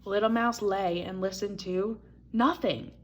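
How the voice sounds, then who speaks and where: With a mid-range voice and measured pace, a woman narrates a children's picture book as an expressive storyteller.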